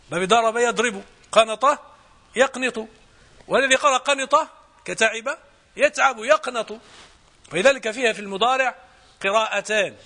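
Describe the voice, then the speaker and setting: A man with a Moroccan accent teaching a Quran exegesis lesson, explaining point by point, repeating phrases and slowing into measured recitation when quoting verses. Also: high-pitched, bright, forceful tone.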